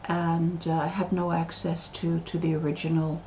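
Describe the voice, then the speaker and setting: An American woman talking to camera in a slow, deliberate monologue, full of pauses and fillers. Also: lowish voice, level tone, darkish tone, a little hiss or hum, low-quality recording. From United States. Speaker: video commentator.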